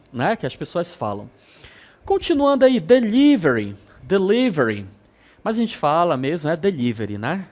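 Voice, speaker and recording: A man from northern Brazil with a regional accent, teaching an English lesson to students and repeating words slowly with frequent check-ins. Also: on the high side. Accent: northern Brazilian Portuguese. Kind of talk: televised school lesson.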